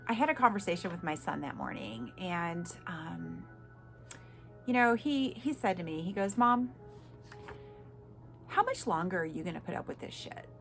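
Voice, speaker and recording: Woman, 50s, emotional vlogger, tearful and halting, bright tone, faint music bed. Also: fairly low pitch, animated, vocal fry. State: crying at times. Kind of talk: emotional personal vlog.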